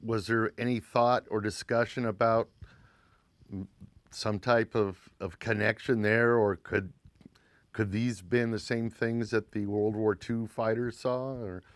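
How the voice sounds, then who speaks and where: Slow, low-voiced male talk show host. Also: fairly even intonation, no room sound. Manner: hesitant, repeating words as he frames questions. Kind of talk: interviewing a guest.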